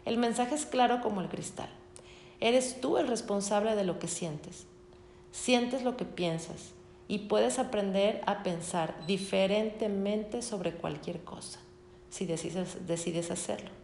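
A woman reads a self-help passage aloud at a steady, even pace. Every so often she slips into casual asides before going back to the text. Her voice carries a noticeable room echo, with a faint rumble underneath. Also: unhurried, vocal fry. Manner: steady reading broken by casual spoken asides. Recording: roomy echo.

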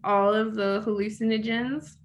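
A woman's voice: a little high, steady tone, moderate pace. A woman guest from New Mexico chatting casually on a podcast, jumping in with her own stories. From New Mexico, USA. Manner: chatty and laughing, jumps in with her own anecdotes.

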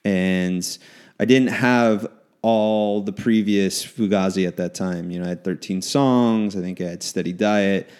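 A man's voice: low voice, fairly even intonation, unhurried, darkish tone. A man in his forties, a podcast co-host, reminiscing in casual chat with many restarts. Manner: reflective, rambling with restarts.

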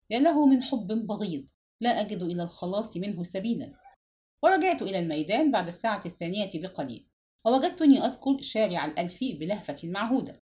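A woman narrating a literary novel as an audiobook, reading in a formal, expressive way. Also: mid-range voice.

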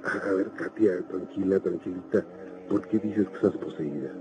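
A man hosting a paranormal radio show, calmly reassuring a frightened caller. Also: low voice, moderate pace, lo-fi sound, over music. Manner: soothing, urgent reassurance. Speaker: radio host.

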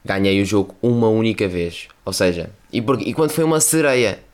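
A young man with a European Portuguese accent talks through his own podcast in a loose, rambling way. He swears often and drops into slang. His voice sits fairly low. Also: lively intonation, brisk. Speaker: podcast host. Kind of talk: casual solo podcast chat.

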